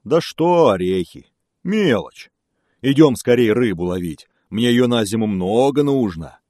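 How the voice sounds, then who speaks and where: A man doing a booming clumsy greedy bear. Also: animated, unhurried, dark tone, no echo, clean studio sound. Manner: bossy, blustering.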